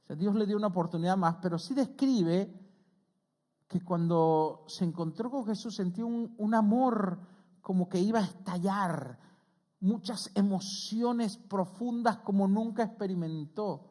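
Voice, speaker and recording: A middle-aged man, a pastor preaching a conversational sermon who often checks in with his listeners and rises in pitch and volume when he quotes scripture. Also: a little slow, mellow. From Argentina. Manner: earnest, conversational preaching with frequent "¿sí?" check-ins.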